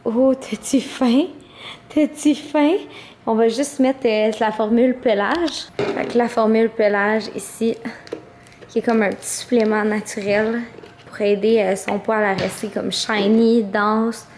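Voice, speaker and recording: A woman's voice: a little high, flat delivery, unhurried, darkish tone, echoey room. A young woman with a Quebec French accent, chatting informally and in slang as she vlogs at home. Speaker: vlogger. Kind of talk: casual vlog chat. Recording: clearly noisy home vlog audio, clicks.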